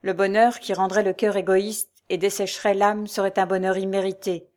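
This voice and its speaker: A steady, earnest captain who speaks in measured, persuasive sentences, as a woman narrator voices him in a storybook reading. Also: mid-range voice, natural voice.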